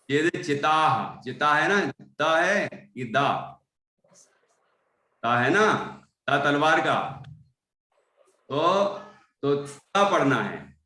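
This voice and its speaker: Man, teacher, patient, repeats syllables, slow, bright tone, echoey room. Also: on the high side. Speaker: Sanskrit recitation teacher. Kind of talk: online class correcting pronunciation.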